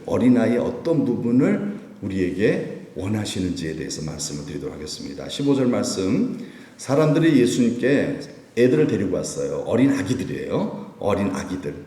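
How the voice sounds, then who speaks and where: A man preaching an animated Friday prayer sermon as pastor, acting out voices in the story as he teaches. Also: low voice. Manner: animated, acts out the disciples' scolding in raised voice. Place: church sanctuary. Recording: echoey church hall.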